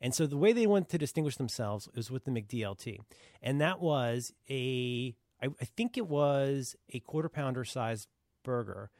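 A man co-hosting a podcast, telling stories in a laughing, animated way and swearing freely. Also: mid-range voice, normal speed, dry recording, studio quality. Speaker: podcast co-host. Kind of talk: casual chat.

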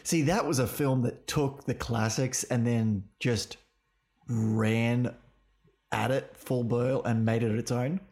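A man's voice: mid-range voice, fairly even intonation, takes it slowly, darkish tone. A man co-hosting a film podcast, chatting casually with sarcastic, mocking asides. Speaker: podcast co-host. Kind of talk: casual film review chat.

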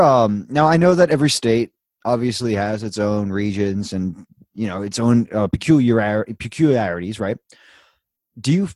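A man's voice: on the low side, a little mellow, dry recording. A man hosting a live show in casual chat, rambling along with easygoing asides. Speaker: host.

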